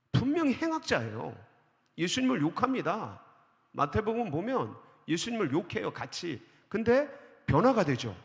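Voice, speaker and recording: A male pastor preaching a sermon at an early-morning church service. He keeps asking the congregation questions, answers them himself, and reads scripture verses aloud. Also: fairly high pitch. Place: church sanctuary. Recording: long hall reverb of a church.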